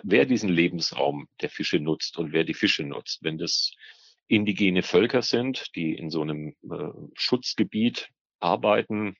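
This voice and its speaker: A man with a low, gravelly voice explains the ornamental fish trade as a biologist guest in an interview. He hesitates and repeats words while finding the next one, and the recording is dry and lo-fi.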